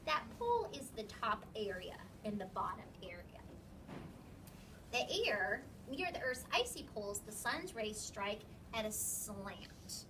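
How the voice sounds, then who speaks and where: Recorded from the far side of a noisy classroom, this woman teacher reads to young kids in a medium-pitched, very lively voice, a bit on the slow side. She teaches as she goes, peppering the story with questions and "okay" to make sure they follow.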